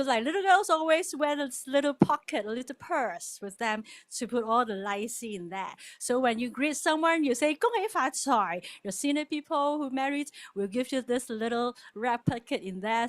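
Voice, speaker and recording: A chatty woman with a high voice, whose first language is Cantonese, is a guest speaker at a worship service. She gives a casual cultural talk with call-and-response, laughing often and leading the crowd in repeating words.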